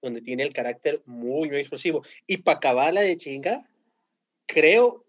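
A Mexican man with a fairly high voice tells school stories in loose slang. He tells them with lively energy and laughs often. The sound is dull and lo-fi. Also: unhurried. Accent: Mexican Spanish. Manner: animated, slangy, laughing storyteller. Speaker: teacher. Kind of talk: casual podcast storytelling.

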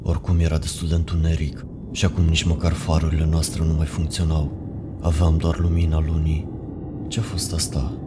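A man narrating a horror story in a measured, ominous way. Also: rumbling low, completely flat delivery, heavy background noise. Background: music.

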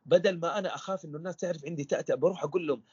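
Fast-talking husky man. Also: on the high side, no room sound, muffled recording. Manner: teacherly, keeps asking rhetorical questions. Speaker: podcast guest, stuttering coach. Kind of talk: explanatory podcast interview.

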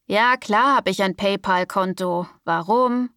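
A woman voicing a suspicious, hot-tempered young male dealer who talks in crude street slang and snaps loudly. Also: medium pitch, unhurried, smooth, dry recording, studio quality.

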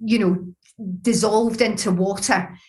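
A woman's voice: medium pitch, fairly even intonation, takes it slowly, darkish tone. A woman with a Glaswegian accent giving conversational interview answers, explaining her points with examples. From Scotland. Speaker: business founder, interview guest.

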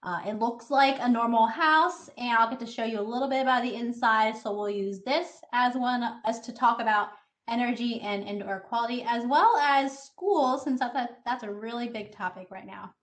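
Presenting to students over a video call, a thirtysomething scientist explains things in a friendly way, with occasional filler uhs. She's from Taiwan and grew up in the United States, and her fairly high voice keeps a moderate pace.

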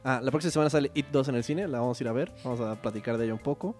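A man's voice: medium pitch, racing, darkish tone, soft background music. A man with a Mexican accent co-hosting a podcast, chatting about films with blunt opinions, heavy slang and swearing. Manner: opinionated, heavily slangy, profane. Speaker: podcast co-host. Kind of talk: casual chat about films.

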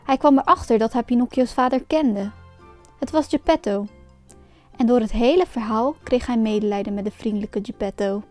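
A woman narrating a children's storybook gently and expressively. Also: a little high, normal speed, faint music behind.

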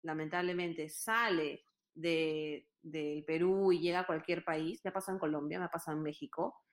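In a low-pitched, steady voice at normal speed, a woman from Peru shares stories during an informal conversation. Her Peruvian Spanish accent comes through, and her earnest telling is hesitant and thick with fillers.

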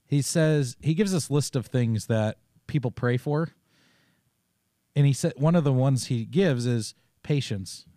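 A man from Oregon in the United States co-hosts a relaxed faith talk podcast, meandering through stories with frequent restarts and asides. His ordinary-pitched voice is mellow and unhurried, and the sound is dry and close with no echo or room around it.

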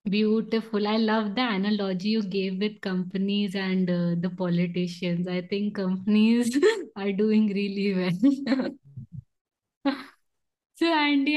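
Woman hosting, appreciative. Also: medium pitch. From India. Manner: warmly appreciative, brief affirmations. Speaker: podcast host. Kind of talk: interview hosting and outro.

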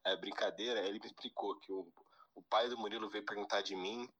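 A man's voice: lowish voice, fast, muffled recording. A teenage Brazilian man with a Brazilian Portuguese accent, telling a prank story in casual slangy chat and acting out the people he quotes. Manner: slangy, animated when quoting.

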